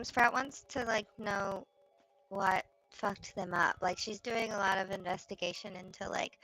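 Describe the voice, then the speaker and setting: A woman's voice: mid-range voice, pushed and bright, poor audio. A woman playing a tabletop game, talking casually and peppering her speech with fillers. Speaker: player.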